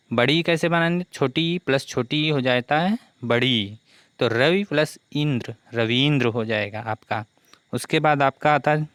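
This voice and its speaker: A man's voice: medium pitch, a bit bright, clear, resonant tone, no echo. A man teaching a grammar lesson for exam preparation who keeps asking questions and answering them himself.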